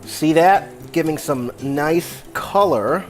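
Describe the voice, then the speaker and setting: Man, slightly high voice, drunk and rambling, irreverent home-cook host, casual how-to delivery, music in the background. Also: animated, takes it slowly. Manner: irreverent, mildly profane. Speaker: cooking video host. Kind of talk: casual comedic cooking lesson. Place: home kitchen.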